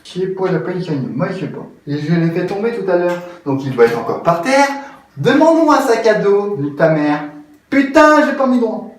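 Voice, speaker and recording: A man joking and swearing loudly as he struggles through a chaotic do-it-yourself repair video, muttering one moment and yelling the next. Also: sits high, big pitch swings, moderate pace, far from the mic. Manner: swearing, frustrated, joking, swinging between mutters and yells. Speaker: YouTuber. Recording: very echoey room, faint noise.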